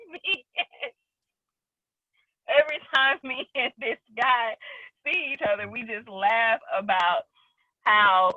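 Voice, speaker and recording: A woman's voice: mid-range voice, no room sound. Woman telling a story over dull call audio. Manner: animated, laughing often. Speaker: book club member. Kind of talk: casual storytelling on a video call. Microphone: video call.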